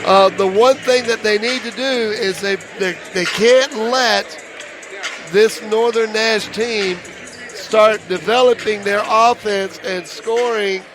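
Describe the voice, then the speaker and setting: A man giving conversational pregame basketball analysis as a color commentator, halting and repeating his phrases. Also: high voice, music in the background. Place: gymnasium. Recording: clear gym background noise.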